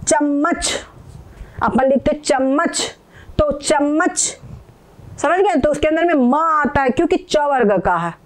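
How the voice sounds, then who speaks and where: A woman with a high voice teaches a pronunciation lesson. She explains patiently, says each example word slowly more than once, and keeps asking whether the learners have understood. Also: animated. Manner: patient, repeats words slowly, checks understanding. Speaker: Sanskrit teacher.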